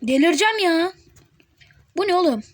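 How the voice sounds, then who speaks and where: A woman giving live gameplay commentary on her channel, excitable and teasing, talking back at the game as she plays. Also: very high voice, moderate pace. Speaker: gaming channel host.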